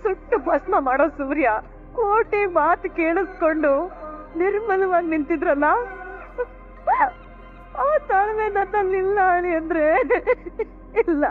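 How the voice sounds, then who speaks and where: A shamed mother pours out her grief in long, anguished laments. Her voice sits very high. The TV serial audio is thin and tinny, with music underneath. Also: a little slow, long pauses. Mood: bitter grief. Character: grieving middle-aged mother, proud and shamed. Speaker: mother of a son accused of theft. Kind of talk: TV serial acting.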